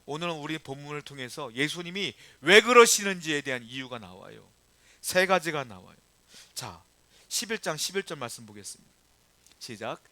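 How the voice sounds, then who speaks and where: Male pastor, sermon delivery; bright, forceful tone; rhetorical questions, dynamic swings between soft and loud. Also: on the high side, sing-song, moderate pace, no room sound.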